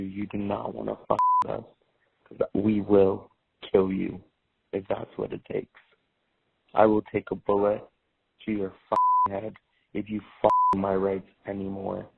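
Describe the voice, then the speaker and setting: A man's voice comes through a tinny, narrow phone voicemail. His low, gravelly, husky delivery turns profane and menacing as he spells out his details. The recording carries a thin, lo-fi phone quality. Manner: threatening, profane, spells out his name and number. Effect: voicemail played back over a phone line. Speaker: caller leaving a voicemail.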